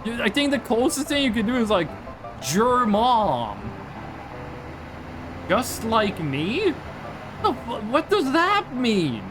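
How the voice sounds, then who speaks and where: Joking, animated live game streamer. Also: medium pitch, a little slow, music in the background. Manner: joking, talks to chat, swears casually. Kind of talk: casual live gaming commentary.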